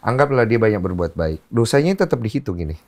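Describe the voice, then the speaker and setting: A man's voice: fairly low pitch, sing-song, fast talker, a little mellow. A man hosting a casual interview, asking curious follow-up questions and rephrasing the answers back. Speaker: podcast host.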